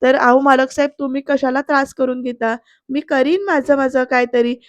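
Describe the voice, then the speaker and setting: A woman's voice: high voice, steady tone, normal speed, dry recording, lo-fi sound. A woman narrating a voice-over review of a TV serial episode, retelling the scenes and quoting each character's lines in turn.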